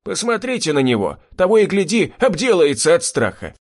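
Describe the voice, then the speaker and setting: A man voicing a menacing, gruff cult leader who barks threats and insults. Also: sits high, sing-song, brisk, voice pushed up, exaggerated voice. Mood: angry, contemptuous. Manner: barking, snarling threats. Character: gruff lanky male cult boss, menacing.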